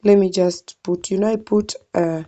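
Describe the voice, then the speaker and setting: A young Kenyan woman, working as a tutorial vlogger, leads viewers through an online sign-up form in a screen-recorded walkthrough, thinking aloud and calling them "guys." Her mid-range voice is warm and steady, moving at a normal speed.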